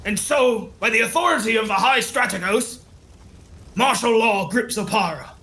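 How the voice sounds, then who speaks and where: A man's voice: high voice, lively intonation, vocal fry, sharp tone, heavily acted. A man voicing a weary nobleman who gives a formal, grim status report in a tabletop game. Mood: grave. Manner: measured, formal.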